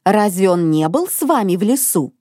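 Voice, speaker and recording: A woman's voice: mid-range voice, very animated, moderate pace, dark tone, no echo, clean studio sound. A woman voicing a strict mother who gives firm orders to her children in a storybook reading. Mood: stern. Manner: strict, commanding. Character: stern mother of many hungry children.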